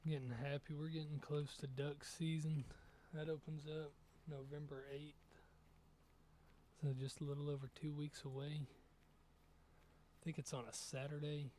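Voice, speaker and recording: A man's voice: a little high, level tone, a little slow, mellow, slight background noise. A young man streaming a hunting game, giving casual, rambling commentary as he thinks aloud over his shots.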